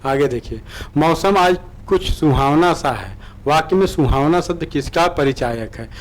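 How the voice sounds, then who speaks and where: A man's voice: on the high side, expressive, unhurried. A man teaching an online exam-prep lesson, asking questions and answering them himself, repeating key words and often correcting himself. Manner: explains by asking and answering his own questions.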